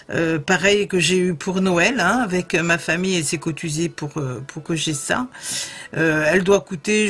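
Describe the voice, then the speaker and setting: A woman's voice: medium pitch, a bit bright. A woman with a southern French accent giving a casual craft tutorial, chatty and hesitant, full of little fillers as she demonstrates. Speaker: crafting video host.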